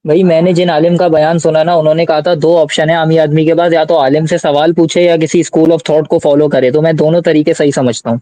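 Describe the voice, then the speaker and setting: A man's voice: fairly high pitch, little pitch movement, hardly any pauses, warm tone. A man calling in to a live debate, answering defensively and hesitantly, often restarting his sentences. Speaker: caller.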